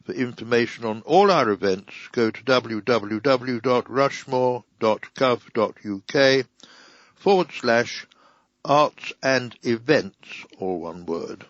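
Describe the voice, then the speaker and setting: A man giving a careful, scripted reading of a local council magazine, slowly spelling out addresses. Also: medium pitch, no room sound. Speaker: audio magazine reader. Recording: dry, dull lo-fi recording.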